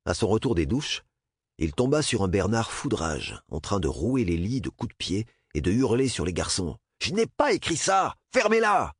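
A man narrating a novel as an audiobook in a measured, expressive way. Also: deep voice, husky, no room sound, clean studio sound. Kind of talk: audiobook reading.

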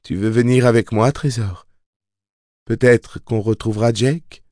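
A man voicing a grieving young woman who speaks softly and turns bitter, in an audiobook reading. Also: fairly even intonation, a little slow, no room sound, clean studio sound, close to an everyday voice. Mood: coaxing tender. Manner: soft-spoken, raised pitch.

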